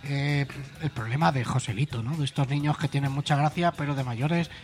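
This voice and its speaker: A man hosting a casual radio chat, irreverent and filling pauses with hesitant "eh". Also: medium pitch, soft background music. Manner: chatty, irreverent, with frequent hesitant "eh" fillers. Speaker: radio show host.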